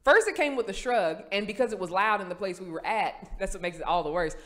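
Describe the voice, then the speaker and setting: A young woman hosting a casual podcast, telling personal stories in an animated way and acting out the lines of the people in them. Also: fast. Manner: animated storyteller, acts out quotes with big pitch jumps. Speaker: podcast host.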